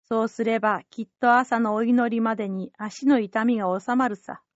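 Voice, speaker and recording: A woman voicing a gruff, fatherly old fisherman who talks low and quietly in a rustic way. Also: fairly even intonation, moderate pace, no room sound, dull audio, lightly acted. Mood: soothing. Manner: low, subdued country talk.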